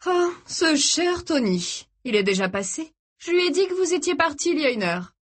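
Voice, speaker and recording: A woman reading the part of a cruel young male captor who taunts his prisoners in a mock-gentle way. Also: sits high, very animated, normal speed, pitched above the performer's own voice. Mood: taunting.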